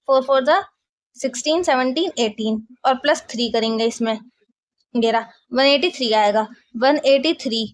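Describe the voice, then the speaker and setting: A woman teaching a maths lesson, explaining step by step and often asking if the class follows. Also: sits high.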